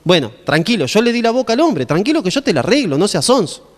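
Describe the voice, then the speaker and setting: A pastor voicing a calm, commanding God. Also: male voice, sits high, fast talker, big-room sound. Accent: Argentine Spanish. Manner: calm, commanding, lightly humorous. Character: God as a patient, firm male voice.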